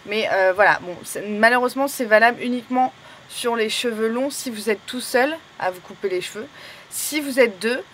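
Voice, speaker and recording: A young woman vlogging casually to camera, chatty and self-mocking, her voice a little hoarse from a sore throat. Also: a little high, normal speed, a little hiss or hum. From France. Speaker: beauty vlogger.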